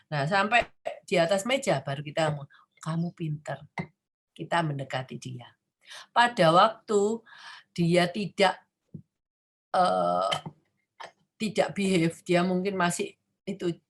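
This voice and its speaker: A middle-aged woman with an Indonesian accent, a clinic founder giving parents informal advice, explaining patiently and acting out short quotes. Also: mid-range voice.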